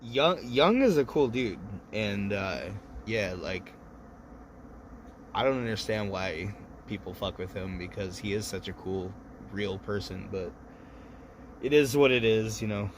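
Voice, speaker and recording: Slightly drunk, this man in his thirties chats on his livestream, telling meandering stories full of swearing. He speaks on the low side at a measured pace, over a little hiss or hum.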